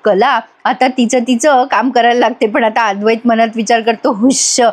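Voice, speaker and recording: A woman's voice: fairly high pitch, steady tone, moderate pace. A young woman giving a chatty, amused voice-over recap of a TV serial episode.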